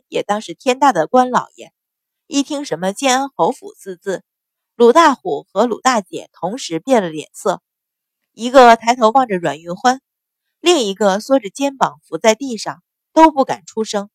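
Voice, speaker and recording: A woman's voice: on the high side, expressive, moderate pace, no echo. A woman narrating a period novel as an audiobook, reading steadily and expressively.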